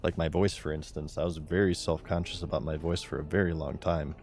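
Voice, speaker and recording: A man with a monotone, low-energy delivery, chatting casually as he streams a game. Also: a little fast, soft background music. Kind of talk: casual chat while gaming.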